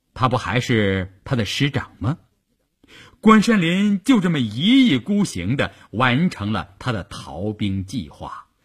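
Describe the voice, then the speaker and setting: A man reading a long serial story for radio, with expressive, acted-out narration. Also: medium pitch, slightly rough.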